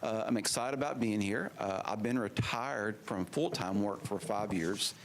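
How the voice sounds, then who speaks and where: Man, 50s, very low gravelly voice, swollen mouth after surgery, halting with fillers, faint background noise. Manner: halting, many fillers and restarts. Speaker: new assistant superintendent. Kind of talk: public remarks at a meeting.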